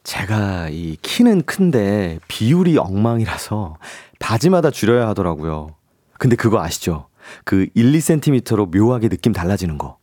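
A man's voice: fairly low pitch, sing-song, normal speed, a little mellow, no echo, studio quality. Easygoing man reading listener letters. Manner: easygoing, reads listener messages aloud. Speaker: voice actor co-host. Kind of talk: casual radio chat.

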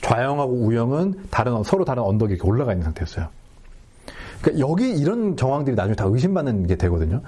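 A man, a history researcher, explaining informally as an expert guest with a husky voice. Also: medium pitch, sing-song, quick pace, mellow.

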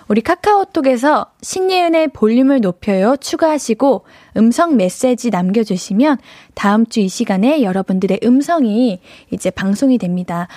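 A young woman hosting a radio show in a studio, reading listener messages in a playful, joking way and then softly comforting them. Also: sits high, no room sound. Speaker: radio host. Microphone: studio microphone.

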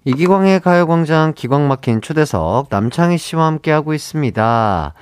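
A man's voice: a little high, lively intonation, moderate pace, clear, resonant tone, faint music behind. A young man hosting a radio show, chatting casually, laughing often and chiming in eagerly.

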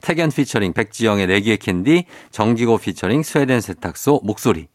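A man's voice: lowish voice, expressive, brisk, no room sound, clean studio sound. A man hosting a radio music program, leading the talk with friendly, agreeing replies. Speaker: radio host.

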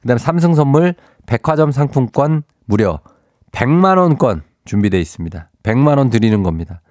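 A man's voice: medium pitch, very animated, fairly quick, darkish tone, no echo, studio quality. A man hosting a morning radio show, chatting playfully and reading listener texts aloud. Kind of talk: casual morning radio chat. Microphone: studio microphone.

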